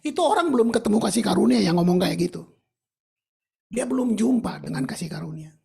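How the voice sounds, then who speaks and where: A woman's voice: mid-range voice, animated, fairly quick, vocal fry, darkish tone, husky. A woman preaching a sermon in a colloquial, emphatic way, with English phrases mixed in.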